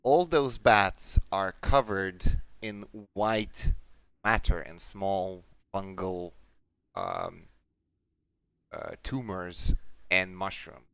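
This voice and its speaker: A man narrating a tabletop game as game master, slow and deliberate, with halting fillers. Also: low voice, very animated, vocal fry, a bit bright, clean tone, dry recording.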